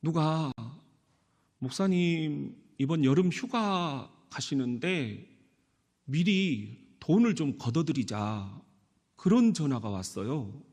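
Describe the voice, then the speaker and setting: Animated male pastor in echoey hall. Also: on the high side, slow. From Korea. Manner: animated, asks the congregation questions. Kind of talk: sermon. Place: church sanctuary.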